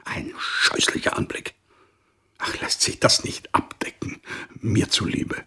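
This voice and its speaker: In a German radio drama, a man plays a strict, ambitious father who is also a court official, sounding pompous, cajoling, demanding and nagging. He whispers slowly, yet his tone is bright and forceful.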